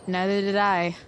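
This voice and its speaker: Video game teen rebel: wry and slangy, leisurely pace, mid-pitched, ambient noise behind. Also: female voice. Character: sarcastic rebellious teenage girl student.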